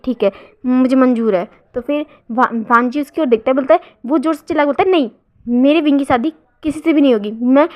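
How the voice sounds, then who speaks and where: A woman retelling a romantic fan fiction story off the cuff, acting out every character's lines herself, often restarting words. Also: sits high. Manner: unscripted retelling with frequent restarts and fillers. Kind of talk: storytelling narration. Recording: dull lo-fi recording.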